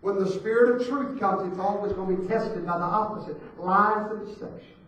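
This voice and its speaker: A man preaching, his high voice rising and falling as he repeats his lines. He goes from near-whispers to full shouts. He stands well back from the mic, and the church hall echoes heavily around him. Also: brisk, far from the mic. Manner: swings from hushed to shouting, rhythmic repetition. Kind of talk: fiery church sermon. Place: church sanctuary.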